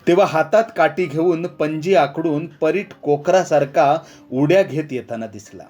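A man narrating a village story in an expressive, measured reading. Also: on the high side.

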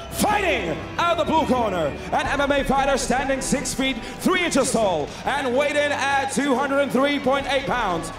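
A man in his thirties works as a boxing ring announcer, calling out the fighters in a booming, theatrical style and stretching their names long. He stands in the cage of a large indoor fight arena, speaking into a handheld microphone. The sound comes through the arena PA, echoey, with crowd noise and music behind him.

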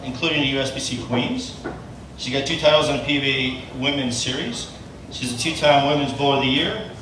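A medium-pitched male presenter introduces the coaches to an audience, rambling with fillers and self-deprecating asides. His speech comes through a PA system in a large event tent and was recorded from far off on an audience member's phone, so it sounds echoey, noisy and distant.

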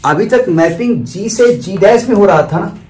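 Math teacher, male, somewhat high voice, patient step-by-step lecturing, heard from afar in an echoey classroom. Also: lively intonation, moderate pace, a little mellow, soft background music. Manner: explains step by step, repeats terms, asks the class questions. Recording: echoey room from far off, faint noise.

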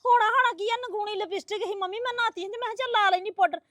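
A woman plays a young married woman who complains tearfully about her in-laws. Her voice is very high and the recording is dry. She sounds hurt and aggrieved. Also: very fast, a bit bright, dry recording. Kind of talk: comedy skit acting.

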